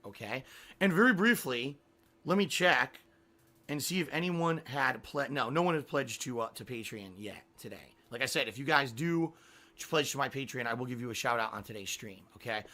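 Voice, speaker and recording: A man with a hoarse voice, talking casually and emphatically to a livestream audience in a monologue. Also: medium pitch, lively intonation, normal speed, pushed and bright. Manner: profane, emphatic venting.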